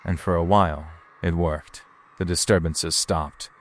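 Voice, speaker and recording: A man with a deep-set voice narrates scripted suspense. He speaks in a deliberate, ominous storytelling manner, as a narrator laying out mysterious incidents. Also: fairly even intonation. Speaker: narrator of paranormal footage compilation.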